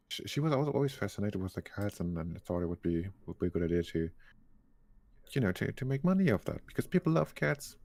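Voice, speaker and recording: A man's voice: lowish voice, creaky, a little mellow. Man putting on a Turkish-accented cafe worker. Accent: Turkish (put on). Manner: rambling, hesitant, lots of fillers. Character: chatty young cafe worker in Istanbul.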